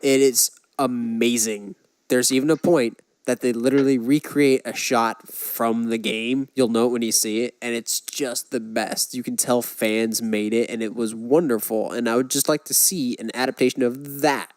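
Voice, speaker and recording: This man co-hosts a podcast and chats casually about films, giving opinionated, emphatic takes. His mid-range voice holds a steady tone at a normal speed, with no echo.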